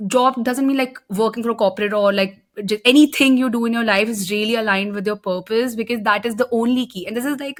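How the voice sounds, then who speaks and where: A young woman with an Indian accent, chatting casually and playfully as a podcast co-host, mixing Hindi and English. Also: on the high side. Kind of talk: casual chat.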